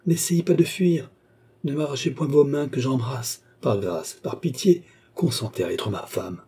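A man's voice: mid-range voice, lively intonation, a little slow, dark tone, slightly rough, voice pushed up, heavily acted. A man reading an audiobook, voicing a remorseful young man who pleads with earnest intensity. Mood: pleading. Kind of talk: audiobook character voice.

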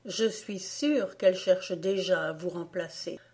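A woman's voice: on the low side, unhurried, a little mellow, natural voice. A woman reading aloud voices a lonely young boy who speaks in a sorrowful, bitter way.

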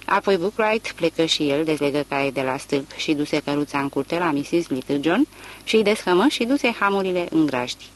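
An audiobook narrator reading a literary novel in a measured, expressive way. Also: medium pitch, low-quality recording.

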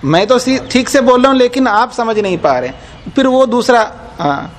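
A man with a high-pitched voice teaches a class, speaking with a Hindi accent. He explains patiently, repeats his examples and keeps checking that his students follow. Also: animated, moderate pace, slight background noise. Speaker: teacher of Nyaya philosophy.

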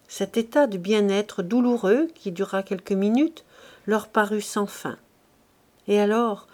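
A woman's voice: medium pitch, a little mellow. Woman narrating a classic novel. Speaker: audiobook reader. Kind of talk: literary audiobook narration.

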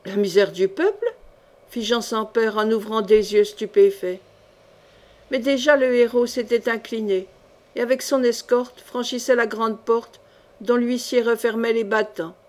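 A woman audiobook reader giving a measured, expressive scripted narration of a historical novel. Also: fairly high pitch.

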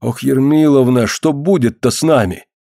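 A man's voice: mid-range voice, moderate pace, vocal fry, mellow, no room sound, clean studio sound. A man voicing a proud, indignant boyar lord. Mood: shocked. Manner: archaic, grave, indignant. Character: proud, angry middle-aged old-Russian boyar lord. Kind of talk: audiobook reading.

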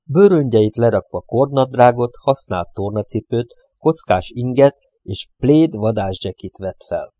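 Man, audiobook narrator, steady plain reading, mellow voice, dry close sound, home studio. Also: medium pitch, few pauses, no room sound.

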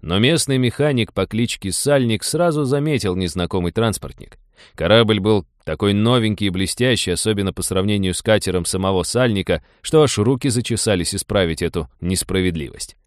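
Male audiobook narrator, deep voice, dry close recording. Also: a little fast, dry recording. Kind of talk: scripted narration.

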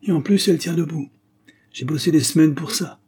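A man's voice: medium pitch, brisk, mellow, husky, pitched above the performer's own voice, close to an everyday voice. A man voicing a proud, easily offended young handyman.

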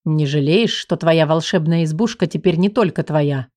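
A woman's voice: normal speed, a little mellow, no echo. A woman doing a wry, teasing young sorcerer. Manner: wry, affectionate, low and lazy.

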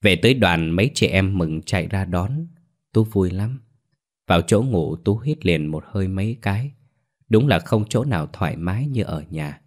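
A man narrating a ghost story audiobook in a steady, measured way. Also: sits low.

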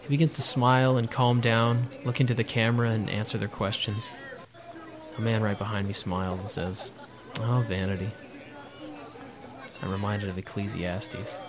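A man's voice: lowish voice, little pitch movement, normal speed, a crowd in the background. Wry, reflective male narrator. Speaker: travel vlogger narrating. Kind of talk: scripted travel-diary narration.

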